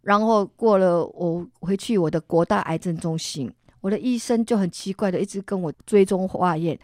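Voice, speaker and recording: A woman from Singapore, an interview guest telling her personal faith testimony as an animated storyteller who acts out other people's lines and laughs as she goes. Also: lowish voice, moderate pace, dry recording, studio quality. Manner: expressive, laughs while telling.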